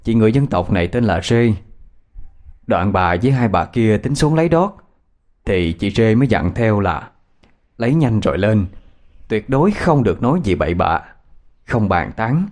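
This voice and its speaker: A man narrating a ghost story as a lively, dramatic storyteller. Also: fairly low pitch, moderate pace, pauses often.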